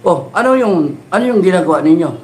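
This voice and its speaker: A man's voice: high voice, lively intonation, fast talker, a little hiss or hum. A middle-aged man, delivering an impassioned political rant full of mocking rhetorical questions and swearing. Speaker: political speaker.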